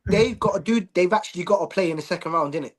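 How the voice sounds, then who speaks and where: A man's voice: sits high, very fast, heavy background noise. A man in a casual football chat, teasing and slangy. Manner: teasing, banter-heavy, slangy. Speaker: football podcast panelist.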